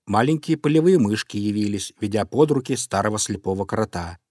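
A man reading a children's fairy tale aloud in an expressive storytelling manner. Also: lowish voice, brisk, dry recording, clean studio sound.

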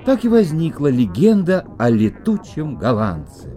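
An actor playing a rational, bookish little bug companion who explains precisely and gets flustered easily in a children's audio drama. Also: male voice, a little high, huge pitch swings, measured pace, warm tone, soft background music. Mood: storytelling, reassuring.

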